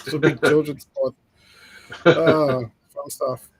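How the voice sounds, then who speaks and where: A man's voice: fairly high pitch, flat delivery, moderate pace, slightly rough, low-quality recording. A man co-hosting a reptile livestream, telling stories in a rambling, filler-heavy casual way. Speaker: co-host of a reptile breeding livestream. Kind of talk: casual chat.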